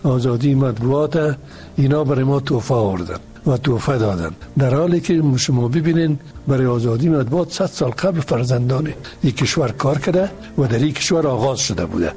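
A man's voice: medium pitch, expressive, mellow. A male guest, answering an interview question earnestly and hesitantly, with frequent restarts.

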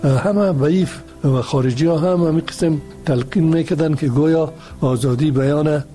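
A man's voice: a little high, warm tone, soft background music. A male guest, answering an interview question earnestly and hesitantly, with frequent restarts.

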